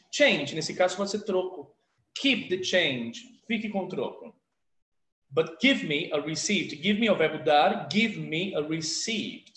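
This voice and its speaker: A man's voice: high-pitched, fairly bright tone, reverberant. A man teaching an online English lesson, reading short dialogues aloud and explaining the vocabulary patiently.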